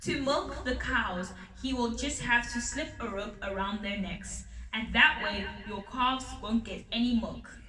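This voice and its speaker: A short-tempered male lion king barks out loud, stern storybook orders, voiced by a woman reading aloud. The voice sits a touch high. It sounds roomy and distant, as if the mic were across the room. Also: a little slow, few pauses.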